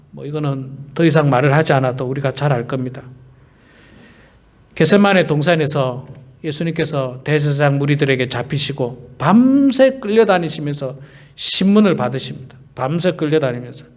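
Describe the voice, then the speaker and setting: A male pastor preaching a sermon, stressing key words by repeating them and asking the congregation rhetorical questions. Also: on the high side.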